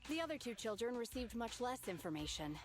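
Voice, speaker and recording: An actress playing a calm, caring, analytical machine engineer in a video game, explaining things in a measured way. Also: female voice, on the high side. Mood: calm, concerned. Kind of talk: scripted video game dialogue. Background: background music.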